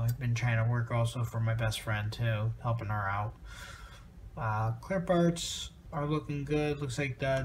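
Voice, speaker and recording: A man's voice: medium pitch, a little hiss or hum. A tired man giving a rambling, casual review of a plastic model kit, with lots of ums and uhs.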